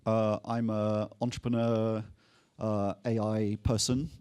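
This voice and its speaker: A man introduces himself on a conference panel in a low voice. He speaks in a flat, even monotone and often corrects himself mid-sentence. The sound is dry and close. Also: slow pace, clear, resonant tone, no echo. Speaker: panelist, entrepreneur.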